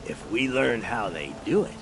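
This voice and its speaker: A man's voice: medium pitch, animated, moderate pace, close to an everyday voice. An actor playing a greedy, shifty male merchant who wheedles, stammers and sells himself as an opportunist, in video game dialogue. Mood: scheming.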